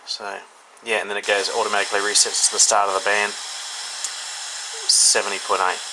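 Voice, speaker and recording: An Australian hobbyist radio reviewer talks through a product in a room at home, unscripted and casual, thinking aloud with informal hesitations. His voice is fairly low, with little pitch movement and a brisk pace. Background noise is clearly audible in this indoor home recording.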